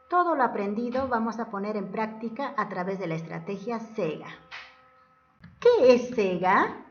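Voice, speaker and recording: A woman's voice: medium pitch, a bit bright. A woman teacher explaining a lesson step by step, asking questions and then answering them herself. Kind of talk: classroom lesson narration. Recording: distant, dull lo-fi mic.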